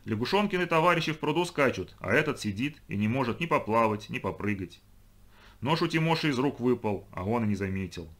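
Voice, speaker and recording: A man reading a storybook aloud as narrator, expressive, lifting his voice for the children's lines. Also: mid-range voice, brisk. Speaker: audiobook reader. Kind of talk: scripted narration.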